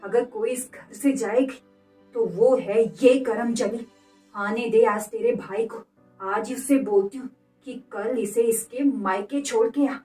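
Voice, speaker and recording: A harsh, scornful mother-in-law who scolds in a shrill, fairly high voice, as a woman plays her. Her voice comes from a distance in an echoey room, with faint music underneath. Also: slow, dark tone. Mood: scolding.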